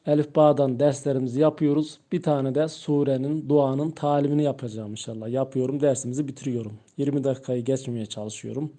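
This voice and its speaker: A man's voice: medium pitch, fairly even intonation. A man teaching Quran reading in a live-streamed lesson, patiently drilling letter sounds aloud and talking to viewers as friends. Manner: patient, repeats letters loudly and slowly, addresses viewers as friends.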